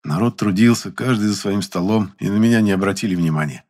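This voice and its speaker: A man's voice: fairly low pitch, quick pace, a little mellow. A man narrating an audiobook in the first person with a wry, ironic tone.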